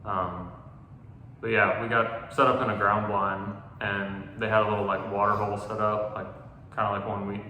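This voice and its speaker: A man's voice: lowish voice, bright, forceful tone. A young man hosting a podcast, telling a hunting story in casual chat, rambling with many fillers. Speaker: podcast host. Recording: echoey room with long reverb, faint noise.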